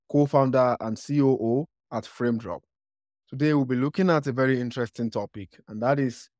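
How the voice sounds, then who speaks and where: A man's voice: medium pitch, darkish tone, dry recording, clean studio sound. A man hosting a podcast, upbeat and casual, with filler words as he asks questions. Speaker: podcast host. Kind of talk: casual interview talk.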